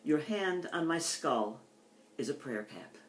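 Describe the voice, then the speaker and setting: With a low, animated voice and a poet's careful phrasing, an older woman reads poetry and offers informal introductions, measured and deliberate. The recording is strongly echoey, the room clearly present, with slight background noise.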